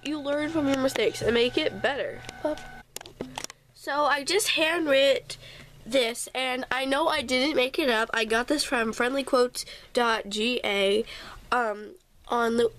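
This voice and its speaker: At an indoor craft table at home, a congested woman casually walks through a craft tutorial, offering apologetic asides as she works. She speaks at a measured pace in a high-pitched, fairly bright voice. Faint sump pump hum sits behind her.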